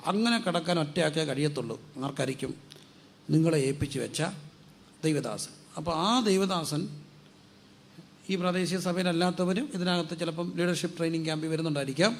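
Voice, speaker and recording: A man preaching as a guest pastor, asking rhetorical questions, answering them himself and urging the congregation to repeat after him louder. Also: a little high, creaky. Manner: drives call-and-response, urging the crowd to say it louder. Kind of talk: sermon.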